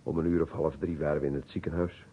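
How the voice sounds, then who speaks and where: On a muffled, narrow-band old radio recording with a bit of hiss or hum, a deep-voiced elderly man speaks in a steady tone. He acts in a Dutch radio play as a courteous, talkative professor of surgery, sounding assured while deliberately reminiscing and searching for names.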